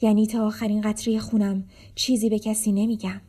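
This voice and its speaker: A woman voicing an excitable, mischievous young boy sidekick in a storybook reading, eager and dramatic as he plays at being a warrior. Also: mid-range voice, slightly rough, close to an everyday voice. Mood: solemn vow.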